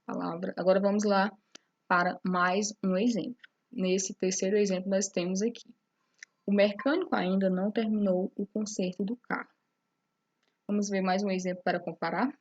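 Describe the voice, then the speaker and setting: A woman teacher with a slightly husky voice walks through a lesson at an unhurried pace, checking in again and again to ask whether her students follow. The recording sounds dull and lo-fi. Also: medium pitch, steady tone. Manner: explains slowly, often checking in with "certo?".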